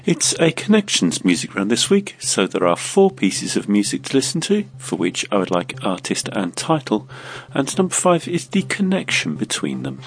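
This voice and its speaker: A man with a croaky voice from a cold, hosting a quiz podcast and reading out scripted questions. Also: lowish voice, huge pitch swings, moderate pace. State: has a cold.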